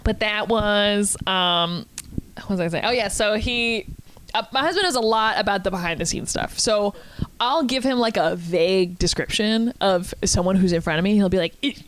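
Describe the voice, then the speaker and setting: A woman's voice: mid-range voice, moderate pace, a little hiss or hum. Chatty, laughing woman guest. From Maryland. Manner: rambling, laughs often. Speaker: guest actor-comedian. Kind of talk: casual podcast chat.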